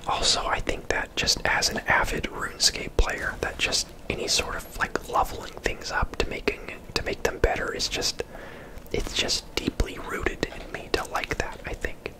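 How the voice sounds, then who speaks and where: Whispering close to the mic in an ASMR manner, a video game streamer and host chats casually about the game at a moderate pace and wanders into asides. The recording is rough.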